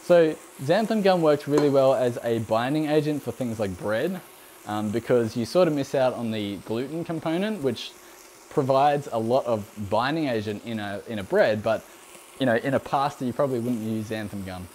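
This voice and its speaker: A young Australian man with a mild accent hosts a live cooking stream, answering viewer questions in a loose, rambling, relaxed way full of ums and frequent laughter. His mid-range voice moves at normal speed, with slight background noise.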